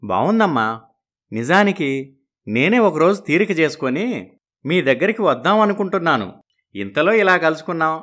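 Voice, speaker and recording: A man voicing fatherly characters in a storybook tale, gentle and reassuring. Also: on the high side, sing-song, normal speed, pauses often. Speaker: voices male characters.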